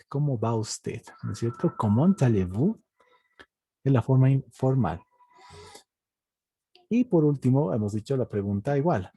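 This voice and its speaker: A male teacher with a very dark, mellow voice and a husky edge gives an online language lesson. He explains things patiently and repeats himself, often adding quick checks like "right?", and stretches out words slowly when he models pronunciation. His pitch moves in a lively way, and the recording sounds dry and close. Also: no room sound. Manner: patient, repetitive explaining with tag questions; slow, drawn-out model pronunciations. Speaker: French teacher.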